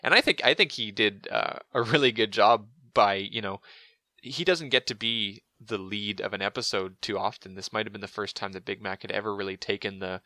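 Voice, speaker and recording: Bright-voiced man co-hosting a chatty podcast. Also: on the low side, a little fast, no echo. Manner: rambling, with many fillers and restarts. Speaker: podcast co-host. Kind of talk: casual podcast chat.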